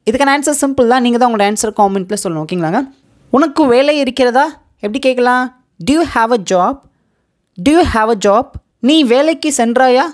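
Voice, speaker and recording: A woman with a Tamil accent teaching a spoken English lesson, saying each question twice with careful, drawn-out repeats and quicker asides between them. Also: on the high side, darkish tone. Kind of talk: slow repeat-after-me language lesson.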